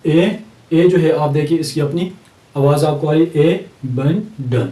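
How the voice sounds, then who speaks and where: A male English teacher with a Pakistani accent giving a recorded lecture, explaining step by step and repeating example words slowly. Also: on the high side, fairly even intonation, dark tone. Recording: echoey room, mic at a distance.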